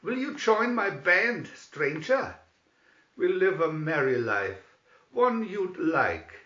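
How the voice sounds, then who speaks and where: A man acts out a merry, bold storybook outlaw leader, hearty and declamatory, sounding amused in a heavily acted, sing-song performance. His high pitch swings widely, his pace is slow and his tone sharp, captured in a dull, roomy recording.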